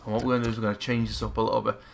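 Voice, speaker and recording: A man giving excitable live commentary while playing a football video game, shouting encouragement at his players. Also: fairly low pitch, very fast, creaky, a little hiss or hum. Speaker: gamer playing a football career mode.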